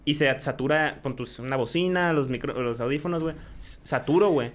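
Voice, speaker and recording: A young man with a Mexican Spanish accent in relaxed podcast chat, talking quickly and full of slang. His loudness jumps up and down as he talks. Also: medium pitch. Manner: slangy, swings between loud and soft. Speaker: content creator.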